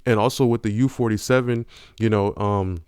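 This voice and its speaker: A YouTube host walks through vocal mixing in a casual music-production tutorial, talking laid-back and slangy with plenty of fillers. His lowish, darkish voice is smooth and steady and moves a little fast. He records dry into a large-diaphragm studio condenser mic in his home studio.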